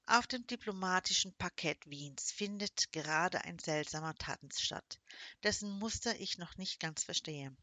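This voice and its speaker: A woman's voice: fairly low pitch, animated, unhurried, sharp tone, dry recording. A woman voicing a smug, menacing middle-aged nobleman with a silky, mocking, condescending manner. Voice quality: croaking when pained.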